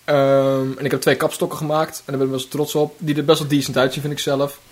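A man's voice: a little high, little pitch movement, fast, a little mellow. A young man co-hosting a casual podcast, talking hesitantly, laughing often and playing himself down. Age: young adult. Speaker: podcast co-host. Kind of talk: casual chat.

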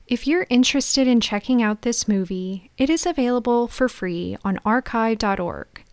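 Female film podcaster, playful scripted storyteller, fairly high pitch, very dry recording. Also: moderate pace, clear, resonant tone, no echo. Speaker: podcast host.

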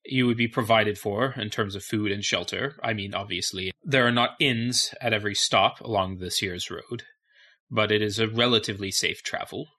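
A man playing a shrewd, courteous lord in a tabletop game, speaking in a measured, diplomatic and formal way. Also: on the low side, bright, forceful tone. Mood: reasonable. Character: shrewd, courteous male lord hiring adventurers.

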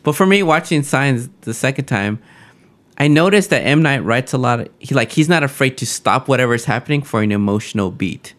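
A man's voice: medium pitch, brisk. Enthusiastic man gushing about a film. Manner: enthusiastic, animated storytelling. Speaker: podcast co-host. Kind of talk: casual movie discussion.

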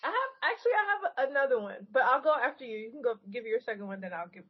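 A woman's voice: a little high, sing-song, fast, husky, dull audio. A woman guesting on a podcast in casual chat, friendly and brief, laughing often.

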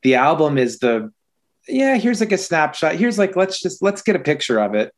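A middle-aged man in casual chat about music, thoughtful and reflective, often pausing to find his words. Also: on the high side, very animated.

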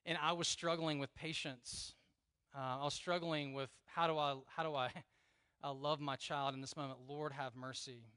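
A man's voice: a little high, steady tone, normal speed, clean tone, no echo. A middle-aged man preaching a conversational, earnest sermon as pastor. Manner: conversational, earnest preaching with quiet emphatic repeats.

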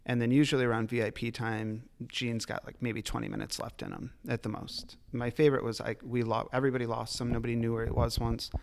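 A liquor store retailer appearing as a guest on a casual podcast tells rambling stories in a gravelly, medium-pitched voice. He talks quickly with little pitch movement and few pauses, laughing often and swearing along the way.

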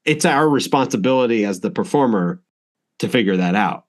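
A man's voice: lowish voice, animated, fairly quick. A man hosting a percussion podcast, talking in a casual, rambling way with many restarts. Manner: rambling, with frequent restarts and laughs.

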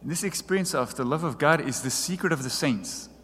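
A man preaching a sermon in an earnest, measured way, reading quoted passages aloud. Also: fairly high pitch, fairly bright tone, big-room sound.

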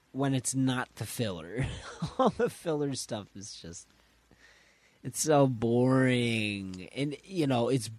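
A man's voice: mid-range voice, dry recording. A man in casual chat who tells stories animatedly and laughs often.

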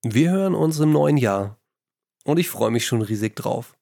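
A man's voice: mid-range voice, animated, moderate pace, creaky, warm tone, no echo, studio quality. A man hosting a creative-writing podcast, giving scripted tips straight to the listener. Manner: addresses the listener directly with instructive tips.

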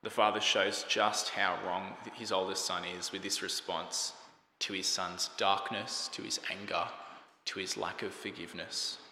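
Man, pastor preaching, bright voice, a bit low, echoey hall, faint ambience. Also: little pitch movement, unhurried, slight background noise. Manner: conversational, asks the congregation questions. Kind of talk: sermon. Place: church hall.

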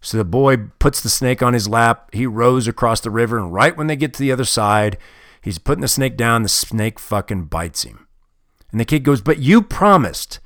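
Blunt, profane motivational speaker. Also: male voice, mid-range voice, normal speed, fairly bright tone, no echo, clean studio sound. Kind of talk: motivational talk.

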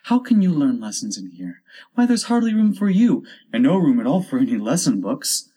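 Man as a storybook young girl, curious, wondering, self-questioning, animated intonation. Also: fairly high pitch, normal speed, breathy edge, pitched above the performer's own voice. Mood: musing. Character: young girl Alice, curious, musing to herself.

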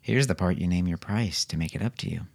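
A man's voice: deep voice, fairly quick, creaky, a little hiss or hum. A man as a weary, joking soldier dad. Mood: patient. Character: weary, good-humored soldier father.

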